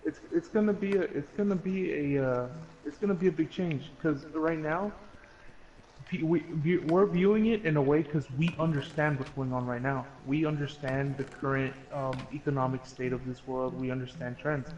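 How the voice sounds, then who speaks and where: A man's voice: a little high, steady tone, normal speed, darkish tone. A young man in casual podcast chat, blunt and profane, often checking "you feel me". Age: young adult. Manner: blunt, swears a lot, keeps asking "you feel me". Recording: dull lo-fi mic with faint noise.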